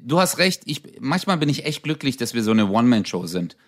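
A man's voice: mid-range voice, very animated, a little fast. A man co-hosting a comedy podcast in a loose, casual chat full of slang and fillers. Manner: laid-back, lots of fillers and slang. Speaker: podcast co-host.

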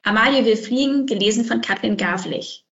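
A woman's voice: on the high side, a little fast, creaky, a bit bright. A woman presenter chatting enthusiastically about a story, with fillers along the way. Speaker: audiobook presenter. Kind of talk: casual introduction. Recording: roomy, dull-sounding recording.

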